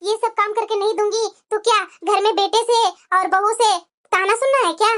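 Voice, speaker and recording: Cartoon: resigned older aunt, high and bright. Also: female voice, fairly even intonation, moderate pace. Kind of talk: Hindi cartoon family drama.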